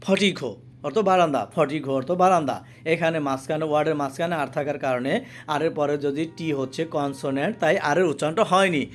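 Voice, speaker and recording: A man teaching English pronunciation, repeating each word and its meaning twice in a slow, patient explanation. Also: on the high side, slight background noise. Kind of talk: spoken language lesson.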